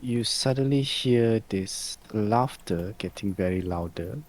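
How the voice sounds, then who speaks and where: A man, narrating a tabletop game as game master in a loose, halting way. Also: on the low side, darkish tone.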